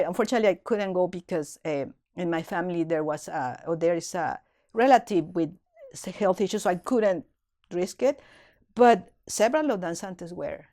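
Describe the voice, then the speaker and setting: A woman's voice: mid-range voice, darkish tone. A middle-aged woman, a guest on a podcast, speaking earnestly and emotionally in a reflective storytelling way, often restarting her phrases. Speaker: podcast guest, community leader and dance teacher.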